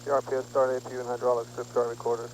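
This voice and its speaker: A man runs a launch intercom loop with brisk, businesslike calls. His tone is flat and clipped, with a faint hum on the line. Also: mid-range voice. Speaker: launch test conductor. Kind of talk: procedural radio loop calls. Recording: humming intercom radio loop.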